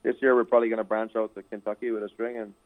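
Barbados-raised trainer on a tinny phone line. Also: male voice, fairly low pitch, little pitch movement, rapid-fire. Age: 30s. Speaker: horse trainer. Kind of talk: phone-in interview.

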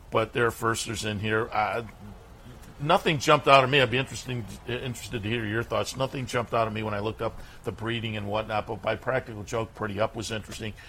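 A man's voice: medium pitch, a bit bright. A man hosting a racing show, talking conversationally through race previews and his own picks. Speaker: racing show host and handicapper.

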